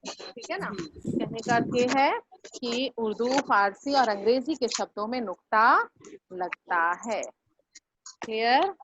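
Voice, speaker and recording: A woman teacher leading a grammar class, patiently repeating each word slowly and breaking it into sounds for her students. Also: fairly high pitch, expressive, muffled recording, background noise. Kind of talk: online class lesson.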